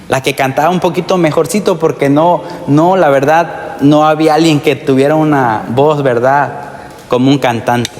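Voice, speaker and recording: Earnest male preacher in echoing church. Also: a little high. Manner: earnest, addresses the youth directly with calls for amen. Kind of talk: testimony sermon to young people. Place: church sanctuary. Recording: long hall reverb.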